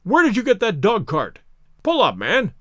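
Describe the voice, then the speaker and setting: A man performing a frantic storybook stranger, a desperate and fiercely protective man. He blusters and shouts in exclamations, high in pitch and leaping about, with a dry, close sound. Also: very animated, fairly quick, no echo. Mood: threatening.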